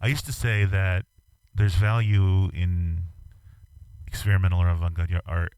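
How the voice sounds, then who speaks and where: A man interviews a guest in a very low voice, hesitant and thinking aloud with many ums. The sound is dry and close. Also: dark tone, no room sound. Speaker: magazine interviewer. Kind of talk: casual interview chat.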